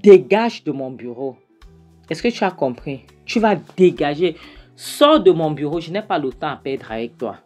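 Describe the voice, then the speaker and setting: A woman voicing an angry male boss who sternly orders an intruder out of his office, in a low voice. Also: lively intonation, brisk, hardly any pauses, slightly rough, soft background music, exaggerated voice. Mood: stern, commanding. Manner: stern, repeating the demands.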